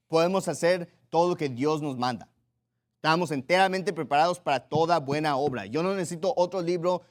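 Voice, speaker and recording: A pastor preaching a sermon emphatically, repeating his points, checking in with the congregation and reading Bible passages aloud. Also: fairly high pitch. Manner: directs listeners to Bible passages and reads them aloud.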